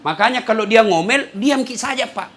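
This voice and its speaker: A man's voice: extremely high pitch, brisk. A man preaching a humorous sermon to a live audience, acting out the voices of the people in his stories. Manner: animated, acts out voices of listeners and himself.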